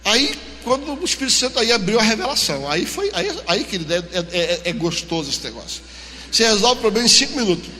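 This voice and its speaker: Brazilian male pastor, forceful high voice, lively storytelling sermon, reverberant church hall. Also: fast talker. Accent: Brazilian Portuguese. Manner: animated storytelling, acting out dialogue.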